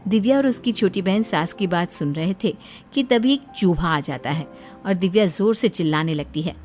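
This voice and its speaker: A woman narrating an audio story in a lively, expressive way. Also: lowish voice, moderate pace, over music.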